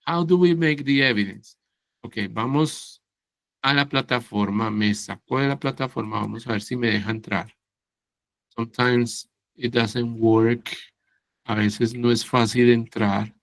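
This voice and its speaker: A man teaching English in an online class, explaining slowly and patiently and often checking that his students follow along. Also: mid-range voice, fairly bright tone, no room sound. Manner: slow, patient, checks understanding with "¿sí?" and "¿cierto?".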